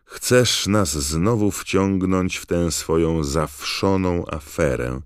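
A man's voice: low voice, takes it slowly, clean tone, no room sound, studio quality, voice pushed up. A man doing a mocking teenage schoolboy. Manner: mocking, scornful.

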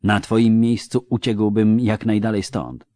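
A man voicing a weary male mercenary who speaks quietly and gravely. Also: on the low side, fairly even intonation, measured pace, no room sound, natural voice. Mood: sombre. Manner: quiet, sombre murmur.

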